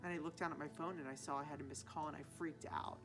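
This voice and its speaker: A woman's voice: sits low, fairly even intonation, fast talker. A young woman from Maryland, a directing student, talking in an earnest, reflective way. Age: young adult. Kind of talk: casual interview. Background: background music.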